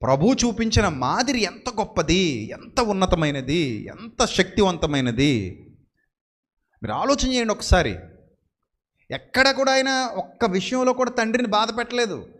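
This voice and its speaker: Man, preacher, high-pitched voice, sermon, rhetorical questions, drawn-out emphasis. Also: big pitch swings, a bit bright. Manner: asks the listeners many rhetorical questions; slows down sharply to stress scripture phrases.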